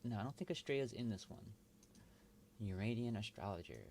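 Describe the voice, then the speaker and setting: A man thinking aloud while he works, mumbling and halting as he talks to himself. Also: fairly low pitch, lively intonation, darkish tone, a little hiss or hum. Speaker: video host.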